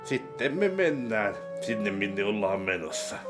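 A man voicing a scheming male boss with a gun, talking low, slow and deadpan. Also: music in the background.

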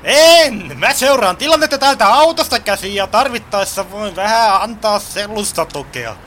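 A man's voice: high voice, animated, bright, forceful tone, a little hiss or hum. A man doing a smug, scheming gang boss. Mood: bossy. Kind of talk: amateur comic radio play acting.

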